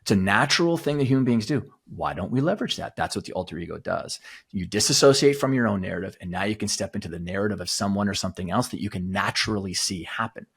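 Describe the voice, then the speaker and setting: A man speaks as a podcast guest, explaining mindset ideas in an emphatic, coaching way. His voice is fairly low and noticeably husky, with a breathy edge. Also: lively intonation, fast. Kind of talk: conversational podcast interview.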